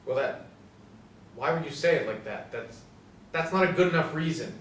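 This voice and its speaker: Guy playing a touchy pedantic young ice cream guy, kinda high voice, echoey room, mic far off. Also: lively intonation, moderate pace, lightly acted. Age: 20s. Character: fussy petty young man selling ice cream. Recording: roomy, distant from the mic, faint noise.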